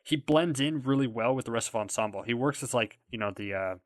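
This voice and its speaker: A man's voice: medium pitch, fast, no echo, clean studio sound. A man co-hosting a podcast, chatting casually and enthusiastically about a show. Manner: enthusiastic, laughs easily. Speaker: podcast co-host.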